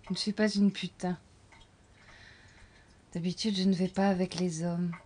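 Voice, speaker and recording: An actress playing a frank, restless young woman who talks softly and confidingly to a lover in a film scene. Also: on the low side, little pitch movement, unhurried, slightly rough. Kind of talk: intimate film dialogue.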